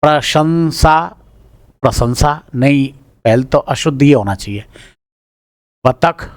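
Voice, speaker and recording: A man's voice: mid-range voice, slow pace, no echo. A male teacher working through an exam answer key, reading each word aloud and repeating it as he checks whether it is right or wrong. He talks informally and calls the listeners "brother".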